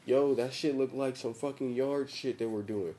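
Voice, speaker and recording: A man's voice: mid-range voice, steady tone, moderate pace, warm tone, a little hiss or hum. A young American man chatting casually about sports in a slangy, profane, repetitive and emphatic frat-bro manner. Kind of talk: casual chat about football tactics.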